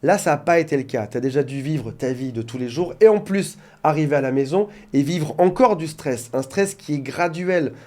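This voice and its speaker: Mellow-voiced man coaching to camera. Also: fairly high pitch, expressive, moderate pace, hardly any pauses. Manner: explanatory, addresses viewer directly; jokey asides. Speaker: relationship coach. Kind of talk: informal talk to camera.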